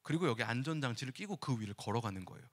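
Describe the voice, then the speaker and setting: A man who is a pastor, giving a lively sermon with acted-out quotes and laughs in a church. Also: medium pitch, rapid-fire. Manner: animated, acts out dialogue, laughs with the congregation. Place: church sanctuary.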